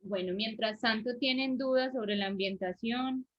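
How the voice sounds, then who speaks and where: A woman teacher with an Antioquian Colombian accent guides an online drawing class, talking through each step and pausing to ask whether everyone follows. Her voice sits a little high. It comes through a muffled video-call line. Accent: Colombian Spanish, Antioquia. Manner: explains step by step, checks in with frequent "¿sí?" and "¿cierto?".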